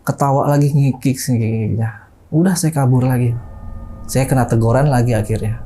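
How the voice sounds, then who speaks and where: A man's voice: medium pitch, fairly even intonation, normal speed, warm tone, slight background noise. A young man casually telling a personal ghost story in a chatty way, often calling his listener "Bang" and imitating the sounds he heard.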